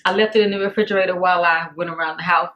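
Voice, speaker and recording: A woman chatting casually to camera in a food vlog, animated and talking straight to her viewers, a little out of breath. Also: fairly low pitch, racing, highs cut off. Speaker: food vlogger. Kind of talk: casual mukbang chat to camera. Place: home.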